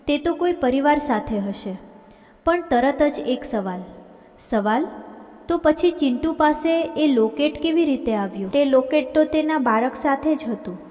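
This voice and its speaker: A woman reading a dramatic story aloud as narrator, in an even storytelling manner. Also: high voice. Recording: long hall reverb.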